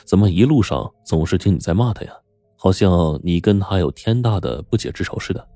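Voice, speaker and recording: A male storyteller voicing a calm gardener who speaks low and mildly. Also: fairly quick, dry recording, studio quality. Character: gardener, calm middle-aged man.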